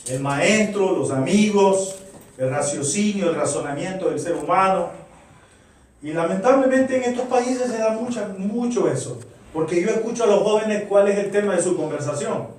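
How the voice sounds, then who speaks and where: High-voiced preacher in an echoey church. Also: male voice, expressive, normal speed, darkish tone. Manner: earnest, addresses the congregation with rhetorical questions. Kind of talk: sermon. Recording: very echoey church, voice far from mic.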